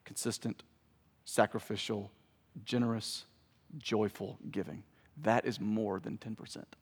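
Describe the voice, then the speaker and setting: A man's voice: on the low side, little pitch movement, unhurried, slightly rough. A male pastor preaching a sermon to his congregation in a church sanctuary, talking conversationally and then building up to emphatic peaks. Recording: long reverb of a church hall.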